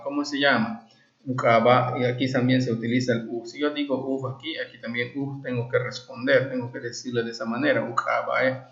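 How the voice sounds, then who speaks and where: In a mid-range voice, a Maya language teacher from Valladolid, Yucatán, Mexico gives an informal lesson. Step by step he explains examples and translations, often pausing for quick check-in questions. The lo-fi recording sounds dull and has clear room echo.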